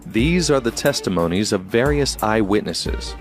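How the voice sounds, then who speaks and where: A man reading scripted documentary narration in a measured, even way. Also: on the low side, soft background music.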